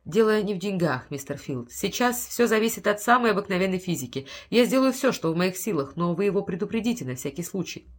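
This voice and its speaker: A woman reading an audiobook, voicing a calm, soft-spoken male scientist with a measured delivery. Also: medium pitch, natural voice. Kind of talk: audiobook character voice.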